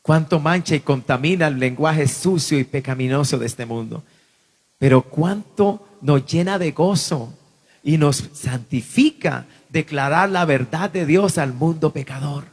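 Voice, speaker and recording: Male pastor, high voice, fervent sermon delivery that builds to shouting. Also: a little slow. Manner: fervent preaching that swells to shouts. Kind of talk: impassioned sermon.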